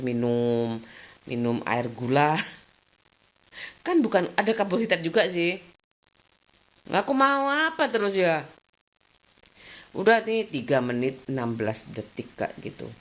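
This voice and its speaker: Chatty, low-voiced middle-aged woman. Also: big pitch swings, unhurried, long pauses. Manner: rambling, chatty, often tags sentences with a filler phrase; laughs softly between thoughts. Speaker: vlogger. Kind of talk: casual daily vlog monologue.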